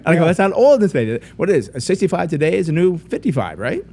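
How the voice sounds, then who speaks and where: A middle-aged man, an investment advisor guest on a radio show, telling client anecdotes in a brisk way. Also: a little high, very animated, warm tone. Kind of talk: casual radio talk.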